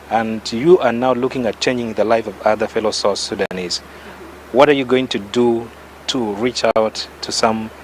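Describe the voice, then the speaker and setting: A man's voice: medium pitch, slight background noise, poor audio. Man asking long, emphatic questions. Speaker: radio host. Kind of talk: radio interview.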